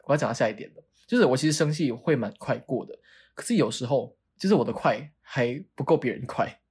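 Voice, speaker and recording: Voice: mid-range voice, expressive, quick pace, a little mellow, husky. A podcast co-host in casual chat, hesitant and repeating words while explaining.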